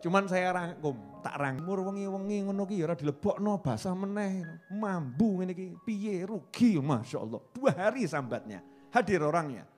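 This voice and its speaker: A middle-aged man with a Javanese accent giving a folksy, animated Islamic sermon and acting out the people he quotes. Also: high voice, moderate pace, soft background music. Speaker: preacher.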